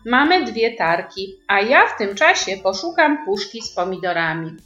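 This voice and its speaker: A woman's voice: mid-range voice, big pitch swings, moderate pace, fairly bright tone, muffled recording. A woman reading a storybook voices a patient, mildly flustered father in a slightly raised, earnest, coaxing voice, in a roomy recording with faint music. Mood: busy.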